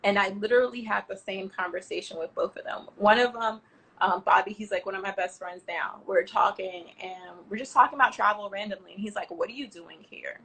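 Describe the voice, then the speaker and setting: A woman in her thirties from Miami, Florida, talking as an interview guest. She tells stories in a loose, chatty way, with plenty of fillers and quoted back-and-forth. Her voice sits at an ordinary middle pitch. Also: a little fast, vocal fry, breathy edge. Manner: chatty, animated retelling with acted-out quotes and many fillers. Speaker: guest, travel platform founder. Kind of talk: casual interview storytelling.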